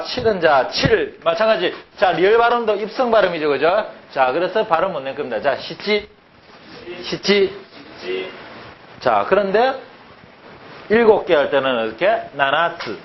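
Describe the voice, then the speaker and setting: A man teaching a language class, lively and drilling words by repeating them with rhetorical questions. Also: a little high. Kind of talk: classroom lecture. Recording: dull lo-fi sound, faint background noise.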